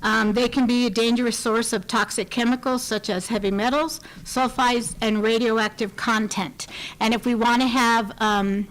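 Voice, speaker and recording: A woman giving a public comment at a county board meeting, earnest and explanatory, with frequent pauses to search for words. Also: a little high, steady tone, rough recording.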